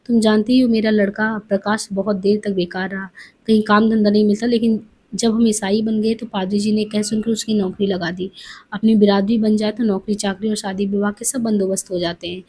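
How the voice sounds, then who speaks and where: A woman reading the lines of an elderly village man who speaks softly and consolingly in a storybook reading. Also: mid-range voice, little pitch movement, brisk, breathy edge, close to an everyday voice. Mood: persuasive. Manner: soft, consoling.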